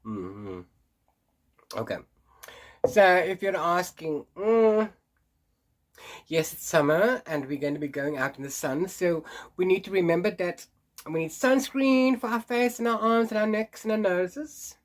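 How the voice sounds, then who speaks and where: Congested and sniffling with hay fever, a man from South Africa who runs a book channel talks to camera in an easygoing, meandering style, restarting often and laughing a little. His voice is high, with lively intonation and an unhurried pace.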